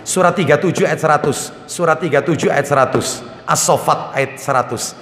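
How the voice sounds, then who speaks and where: A man preaches a religious study lecture with a high, lively voice. He jumps into little quoted voices of parents and children. His words ring through a roomy mosque hall with a long echo. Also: moderate pace.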